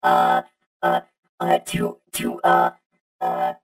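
A man's voice: rumbling low, completely flat delivery, drawn-out words, creaky, husky, pitched below the performer's own voice, exaggerated voice. A young man talking through a robotic voice filter, stammering and swearing in a casual joking chat. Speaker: podcast co-host.

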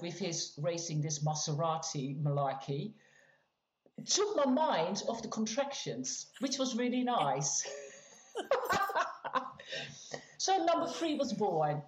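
A middle-aged woman from the Netherlands, telling a personal story as a podcast guest in an animated, laughing way. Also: medium pitch. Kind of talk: casual storytelling chat. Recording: roomy, slightly dull sound.

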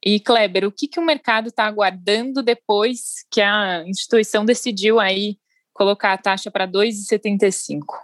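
Female news anchor, mid-pitched and brisk, dry close sound. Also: fairly even intonation, dry recording. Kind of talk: financial news presenting.

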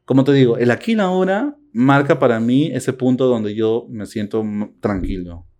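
Hombre peruano conversando con calma. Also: male voice, medium pitch, moderate pace. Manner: reflective, teasing, with many fillers. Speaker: podcast co-host. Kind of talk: casual conversation.

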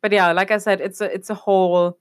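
A woman's voice: mid-range voice, flat delivery, brisk. Chatty young woman, rambling podcast talk. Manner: rambling, leans on fillers like "obviously" and "a whole thing". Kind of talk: casual chat.

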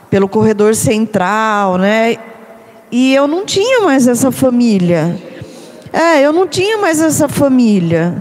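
A Brazilian woman with a slightly high voice talks slowly and thoughtfully, pausing on fillers and checking in with her listeners. Her voice carries a long reverb from the room. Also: a little mellow. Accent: Brazilian Portuguese. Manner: hesitant, many fillers and tag questions. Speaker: discussion participant. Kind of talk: personal reflective talk.

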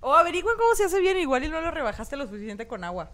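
Woman, high voice, blunt, crude humor, casual chat. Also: big pitch swings, very fast, fairly bright tone. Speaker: podcast co-host.

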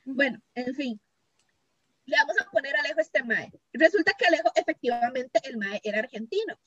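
A young woman with a Costa Rican accent tells a story in a lively, slangy way. Her voice is high. The recording is dry and somewhat muffled. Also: a little fast, no echo. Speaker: co-host. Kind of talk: casual chat storytelling. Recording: dull, dry sound.

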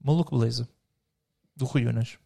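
A man's voice: mid-range voice, steady tone, moderate pace, vocal fry, warm tone, slightly rough. A young man with a European Portuguese accent, co-hosting a podcast in rambling, joking casual chat full of slang. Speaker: podcast co-host.

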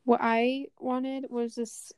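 Slow-talking young woman, slightly high. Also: level tone, a little mellow, clean tone. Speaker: podcast co-host. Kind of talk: casual chat.

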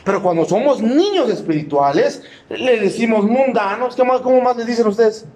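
High-voiced preacher quizzing his flock. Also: lively intonation, normal speed, darkish tone. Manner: emphatic, quizzes the congregation with yes-or-no questions; humorous, mimics people in asides. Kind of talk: sermon. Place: church.

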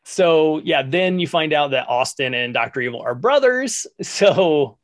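A man's voice: on the high side, moderate pace, fairly bright tone. A man hosting a podcast, chatting casually and rambling through a retelling with lots of fillers. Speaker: podcast host. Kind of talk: casual chat.

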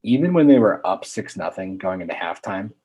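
A man with a low, slightly husky voice chats about sports as a podcast co-host. He speaks in an easygoing way and often hesitates with "um.". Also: lively intonation, fairly quick, highs cut off. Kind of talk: casual sports chat.

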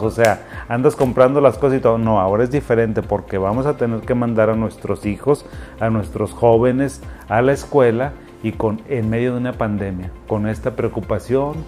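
A man's voice: lowish voice, a little mellow. A man with a Mexican accent, a doctor explaining things to parents in a conversational, advice-giving way. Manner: conversational, explanatory, acts out quotes.

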